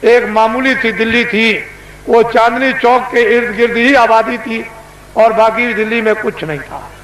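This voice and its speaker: An older man giving a booming, political rally-like sermon, declaiming in rhetorical questions and repeated phrases and demanding answers from his listeners. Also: fairly even intonation, moderate pace, fairly bright tone. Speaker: religious leader addressing a mass gathering. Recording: echoing, noisy public-address recording from 1980s.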